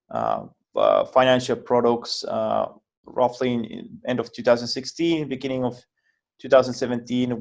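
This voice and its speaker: A man from Finland, a guest founder giving explanatory interview answers over a video call, halting and often repeating and restarting words. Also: medium pitch, vocal fry, darkish tone.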